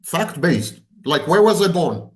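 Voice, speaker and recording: A man's voice: on the high side, big pitch swings, measured pace. A man, speaking as a psychology expert in an emphatic, repetitive, sardonic conversational lecture. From Israel.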